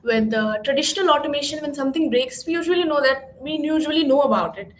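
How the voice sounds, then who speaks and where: A woman with a high, bright pitch opens the session as its host, reading a scripted introduction in a clear, upbeat way. Her voice rings in a reverberant room. A faint hiss sits under the recording. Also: fast. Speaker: event host.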